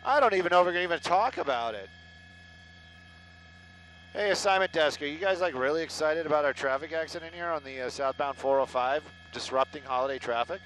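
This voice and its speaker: A man's voice: on the high side, brisk, a bit bright, poor audio. A middle-aged man, a helicopter traffic reporter, rambling live on air in a joking, sarcastic, self-deprecating way through a headset mic. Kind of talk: live casual on-air chatter. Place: inside a helicopter in flight.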